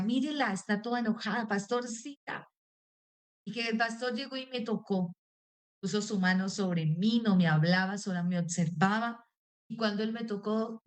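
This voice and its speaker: A woman preacher, earnest and direct, telling a personal testimony in a sermon and often turning to the congregation as brothers and sisters. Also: mid-range voice. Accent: Colombian Spanish.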